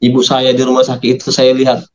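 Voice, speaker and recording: A man telling his conversion story in an interview, animated, acting out quoted dialogue in a raised voice. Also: mid-range voice, fast talker, dull audio. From Medan, North Sumatra.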